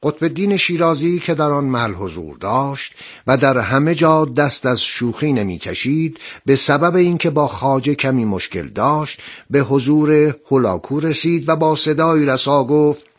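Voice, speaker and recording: A man hosting a program, reciting poetry and narrating stories in a formal, measured style. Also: medium pitch, animated. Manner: formal, warm-toned recitation. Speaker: radio program host. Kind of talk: scripted storytelling and poetry narration.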